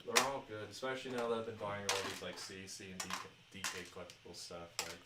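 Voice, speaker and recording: A laid-back man with a fairly low voice chats casually and laughs easily while sorting bricks. He sits well back from the mic in a roomy space, and loud noise runs underneath. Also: fast talker, recorded from a distance. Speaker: guest.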